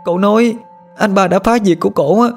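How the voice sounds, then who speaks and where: A man's voice: sits high, faint music behind, voice pushed up. A man voicing a spooky, frightened little girl. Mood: scared, tearful. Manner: small, halting, trembling voice.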